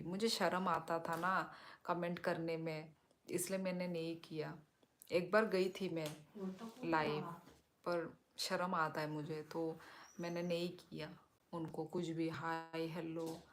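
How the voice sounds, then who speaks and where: A woman from Northeast India hosts a casual live stream, chatting easily with viewers and answering their comments while mixing in English words. Her voice is fairly low, with a little hiss or hum on the recording.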